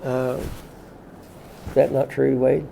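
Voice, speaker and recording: Gravelly older man, heartfelt and halting. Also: mid-range voice, level tone, dark tone, slight background noise. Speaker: college teacher and guide. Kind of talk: emotional spoken reminiscence.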